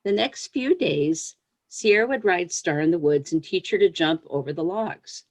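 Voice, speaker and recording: Speaking at a moderate pace in a fairly low, animated voice, she's a children's book author guesting on a storytime show. She reads a storybook aloud, then answers interview questions casually.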